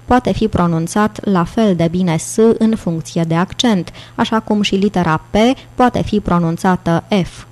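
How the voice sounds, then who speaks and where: A man's voice: high-pitched, hardly any pauses, natural voice. A woman reading the lines of a patient, explaining male professor in an audiobook.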